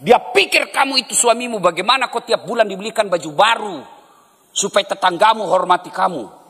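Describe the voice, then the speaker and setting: A man giving a humorous mosque sermon as a preacher, animated and jokey, acting out little dialogues for the congregation. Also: high voice, a little fast, husky. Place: large mosque. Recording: long hall reverb in a large mosque.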